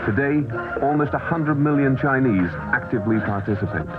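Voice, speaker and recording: A man reading scripted documentary narration in a measured, even way, heard from a worn VHS tape copy. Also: medium pitch. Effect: worn VHS tape copy, muffled and lo-fi. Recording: muffled worn videotape with music behind.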